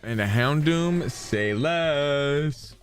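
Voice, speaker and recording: A man streaming a video game, chatting casually with his viewers in an excitable, rambling way full of asides. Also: fairly high pitch, extremely slow, soft background music. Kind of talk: casual gameplay chat with viewers.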